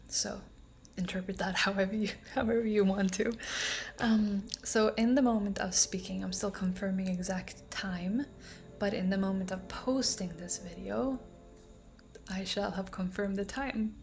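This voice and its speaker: A woman talking casually in a promotional vlog as a breathwork guide, unhurried and meandering with thoughtful pauses, her voice turning breathy at phrase ends. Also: medium pitch, fairly even intonation, darkish tone, soft background music.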